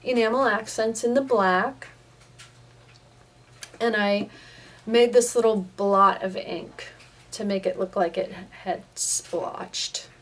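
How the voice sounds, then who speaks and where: A woman's voice: mid-range voice, takes it slowly, long pauses, far from the mic. A woman casually showing her handmade paper crafts to viewers, chatting loosely with frequent ums. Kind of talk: casual craft show-and-tell. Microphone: camera pointed at her hands, away from her face.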